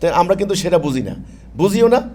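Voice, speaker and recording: A man's voice: high voice, animated, fast talker, a little mellow. Emphatic Bengali-speaking preacher man. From Bangladesh. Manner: emphatic, repeats phrases, mixes in English words. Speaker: Islamic preacher. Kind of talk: sermon-style religious talk.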